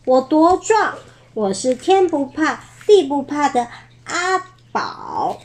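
A cocky little boy from a storybook , voiced by a woman reading aloud, puffing himself up with loud, swaggering boasts. The voice sits raised and childlike, and each brag comes out slow and deliberate. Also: high-pitched, wildly swooping pitch, voice pushed up, heavily acted. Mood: boastful. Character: boastful little boy who acts brave.

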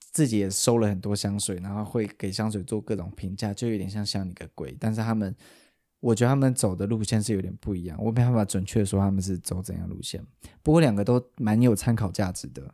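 A man's voice: fairly low pitch, steady tone, brisk, mellow. A man with a Taiwanese Mandarin accent, a podcast host in casual chat who explains at length and often restarts his sentences.

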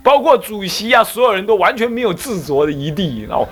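Male Buddhist abbot, dharma talk, emphatic storyteller, animated pitch. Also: fairly quick. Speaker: Buddhist monk and temple abbot. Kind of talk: dharma lecture with anecdotes.

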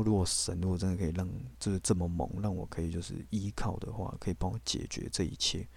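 A man's voice: sits low, gravelly, a little mellow. A man, telling his faith testimony on a podcast in a blunt, candid way with casual swearing. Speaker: podcast host.

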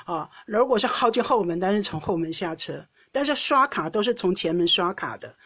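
A woman's voice: mid-range voice, expressive, fairly quick, fairly bright tone, husky, no echo. A woman from Taiwan with a Taiwanese Mandarin accent, hosting a podcast and telling a personal story in a chatty way, often restarting her sentences with small laughs. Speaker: podcast host. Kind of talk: casual storytelling monologue.

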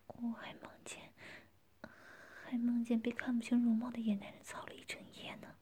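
A woman's voice: on the high side, completely flat delivery, normal speed, warm tone, natural voice. A woman doing a lonely, sighing housewife, whispered role-play. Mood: breathy longing. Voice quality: breathy whisper.

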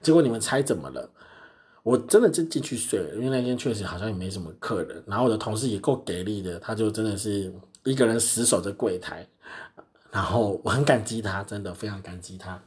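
A young man tells stories in a casual, chatty way. His voice sits a little low. He often pokes fun at himself. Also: lively intonation, a little fast, darkish tone. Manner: chatty, self-mocking, laughs often. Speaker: podcast host. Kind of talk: casual solo storytelling.

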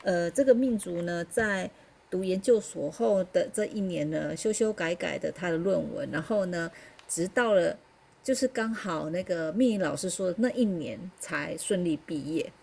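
Warm, breathy woman podcaster. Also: lowish voice, moderate pace. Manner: musing, chatty, frequent hesitant fillers. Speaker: podcast host. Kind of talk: casual solo podcast talk.

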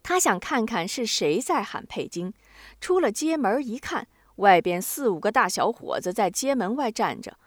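A woman narrating a novel aloud, expressive and acting out the dialogue, close to the mic. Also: mid-range voice, normal speed, no echo. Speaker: audiobook narrator. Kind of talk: novel reading.

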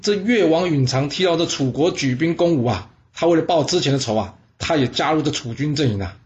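A man, hosting a podcast and telling history stories in a lively, rhetorical way. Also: fairly high pitch, brisk. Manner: lively, rhetorical, acts out scenes. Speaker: podcast host, storyteller. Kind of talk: animated history storytelling. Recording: slightly dull lo-fi.

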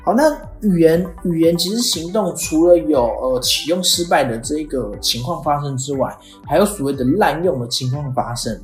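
Delivered at a middling pitch, this podcast lecture has the host explaining an idea gradually in a laid-back, lesson-like way, filling pauses with frequent "哦" and acting out brief quoted examples. Faint music runs beneath the audio, which carries the echo of a large space.

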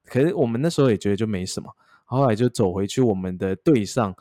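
Taiwanese Mandarin man, young, low voice, dry close sound; casual podcast storyteller who voices the people he quotes. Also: lively intonation, quick pace, dark tone, no echo. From Taichung, Taiwan. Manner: acts out quoted dialogue while telling a story. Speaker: podcast co-host.

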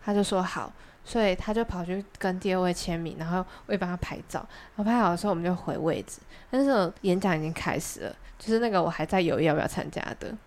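A woman's voice: fairly low pitch, fast talker. Chatty young woman with Taiwanese Mandarin accent. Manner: chatty, animated anecdote telling with quoted dialogue. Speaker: podcast co-host. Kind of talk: casual chat, storytelling.

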